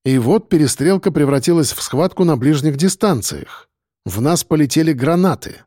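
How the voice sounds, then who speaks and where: A male audiobook narrator reads a first-person story in a steady, tense way. His voice is mellow and dark, pitched a little high for a man. The recording is dry and close, with no room sound. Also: normal speed, dry recording.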